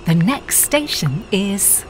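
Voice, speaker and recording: A woman giving automated onboard train announcements in a slow, polite, formal manner. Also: mid-range voice, sing-song, background noise. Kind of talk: recorded public announcement.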